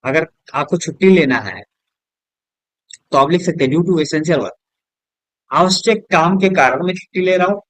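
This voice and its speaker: A man with Hindi-accented English, teaching a lesson at a board, asking questions and answering them himself, softer and lower on each answer word. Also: moderate pace, pauses often, dry recording. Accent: Hindi-accented English words. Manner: drops low and soft on the answer words; keeps checking with "is that clear?".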